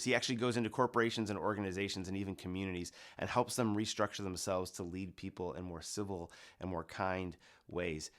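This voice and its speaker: A male youth pastor introducing a segment to students in an earnest, thoughtful way. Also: low voice. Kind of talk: talk to students.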